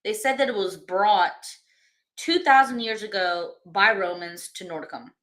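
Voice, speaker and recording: A woman's voice: medium pitch, normal speed, fairly bright tone. A woman hosting a wine-tasting livestream, chatting casually and enthusiastically with lots of rambling fillers.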